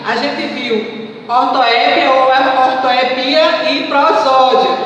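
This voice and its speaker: A woman's voice: sits high, a bit bright. A woman teacher, giving a recorded class lesson and answering her own questions. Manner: slow, didactic, asks rhetorical questions then answers them. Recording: echoey room, voice far from the mic, faint noise.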